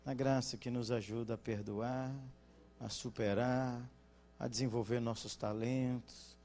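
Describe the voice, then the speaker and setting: A man with a Brazilian Portuguese accent preaching at a conference, joking with the congregation and asking them to respond, then dropping into quiet, earnest teaching. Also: mid-range voice, fairly even intonation, a little slow, slight background noise. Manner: swings from loud jokes to quiet earnest teaching. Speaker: pastor. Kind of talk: conference sermon.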